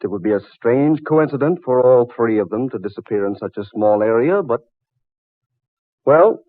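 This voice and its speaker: A dry, level-headed yachtsman, played by a man in old-time radio style. His mid-pitched, skeptical voice has the thin, narrow sound of an AM broadcast. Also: animated, normal speed, lightly acted. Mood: conciliatory. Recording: tinny old AM radio recording.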